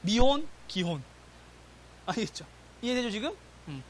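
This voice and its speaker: A middle-aged man teaching an exam-prep class, lively and constantly checking that students follow. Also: high-pitched, moderate pace. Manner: animated, checks in with "맞죠?" and "됐죠?", acts out quotes. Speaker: real estate exam lecturer. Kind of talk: classroom lecture.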